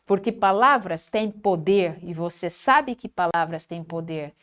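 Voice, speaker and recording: A woman's voice: lowish voice, measured pace, a bit bright. A woman gives a motivational talk to teachers, acting out example phrases with big, swooping emphasis.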